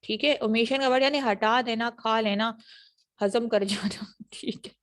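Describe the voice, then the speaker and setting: A woman's voice: on the high side, steady tone. A woman with a Pakistani accent giving an online university phonetics lecture, explaining patiently and checking often whether students understand. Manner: explanatory, repeats English phrases slowly then fast.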